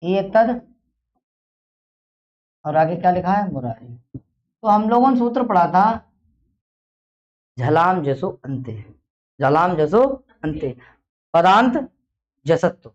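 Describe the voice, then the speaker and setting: Animated yet slow, with frequent pauses, a man with a high voice teaches grammar in a classroom. He quizzes students by repeating the same questions, and the recording sounds dull and lo-fi.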